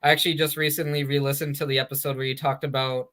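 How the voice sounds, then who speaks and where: A man's voice: medium pitch, level tone, fast talker, bright, forceful tone. A man hosting a sports betting podcast, chatting casually with many fillers and restarts. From Canada. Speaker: sports betting show host.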